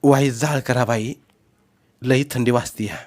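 A man voicing a timid village wife in a spoken storybook, softly complaining of fear and cold. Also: medium pitch, steady tone, measured pace, lightly acted. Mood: plaintive. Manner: plaintive, soft rural speech.

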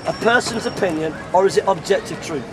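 Recorded outdoors in a city square with street noise around, a middle-aged street preacher argues in a debate. His voice is high and a little fast, and he's assertive, repeating phrases and cutting in to reclaim the floor.

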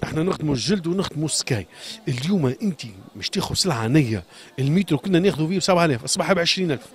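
A shoemaker from Sfax, with a Tunisian Arabic accent, gives a street interview in an animated, racing voice that is a little high. He pours out an agitated, impassioned complaint, repeating questions and pleading.

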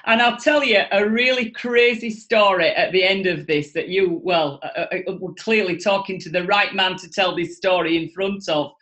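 A middle-aged Yorkshire woman joins a video call from home as a guest, giving an animated motivational talk through her webcam. Her mid-range voice moves at normal speed with hardly any pauses, and she's enthusiastic and expressive, gesturing a lot.

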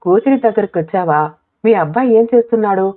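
A woman voicing an elderly village woman who questions an old friend gently and speaks up to be heard, in a tinny phone-like recording. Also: medium pitch, lively intonation, fairly quick, close to an everyday voice. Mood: concerned.

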